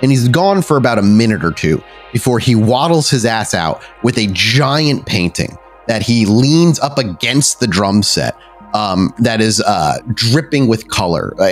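In a medium-pitched voice, a man serves as storyteller for a tabletop roleplaying game, improvising descriptive narration in a casual, conversational way.

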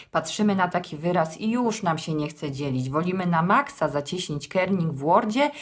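A woman explaining grammar rules in a formal, measured way with touches of dry humour. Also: lowish voice. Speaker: text editor hosting a language series. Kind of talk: scripted language lesson.

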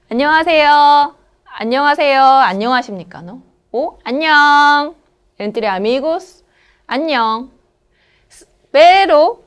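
A woman whose first language is Korean teaches a lesson in a smooth, clear voice that sits a little high. She explains slowly and checks often that the listener follows. She says each example phrase brightly and quickly, then drops low and quiet for her short comments. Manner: slow, patient explanations with frequent checking questions.

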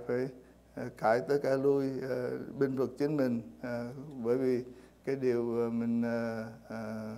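A man's voice: medium pitch, mellow. A man preaching a sermon in church, speaking hesitantly with many fillers and repeated words. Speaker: pastor.

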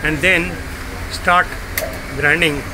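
A man giving slow, step-by-step instructions while demonstrating a machine in a workshop. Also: fairly high pitch, fairly even intonation. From India. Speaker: product demonstrator. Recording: noisy workshop recording.

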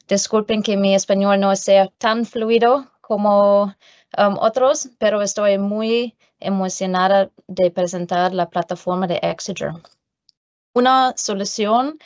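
Middle-aged woman presenter, in Spanish, slow careful reading, dull dry video-call sound. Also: medium pitch, darkish tone, no room sound. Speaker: guest presenter, corporate sustainability executive. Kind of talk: prepared business presentation in non-native Spanish. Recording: muffled video-call audio.

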